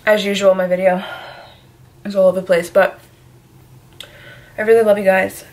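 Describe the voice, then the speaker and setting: A woman's voice: mid-range voice, level tone, normal speed, a little mellow. A young woman vlogging casually to her viewers, rambling with lots of fillers, tired and emotional, sometimes out of breath. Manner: rambling, filler-heavy, frequent "like". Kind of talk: casual vlog to camera.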